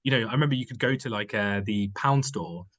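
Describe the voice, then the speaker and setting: A man's voice: lowish voice, fast talker, fairly bright tone, lo-fi sound. A man talking as a podcast guest, telling his story in a loose, rambling way with plenty of "like"s. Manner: rambling, filler-heavy storytelling with many "like"s. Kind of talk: casual chat.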